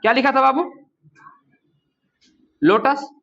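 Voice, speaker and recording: High-voiced man teaching a grammar class. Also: slow pace, creaky, sharp tone. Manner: asks the class rhetorical questions and answers them himself. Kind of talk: classroom lesson. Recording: dull lo-fi classroom recording.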